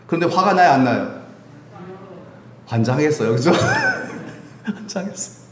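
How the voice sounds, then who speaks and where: A middle-aged man preaches a lively sermon, his pitch rising and falling with animation. He jokes and keeps asking the congregation questions. The sound is roomy and echoey, with faint ambience behind it. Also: a little hiss or hum. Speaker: pastor. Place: church sanctuary.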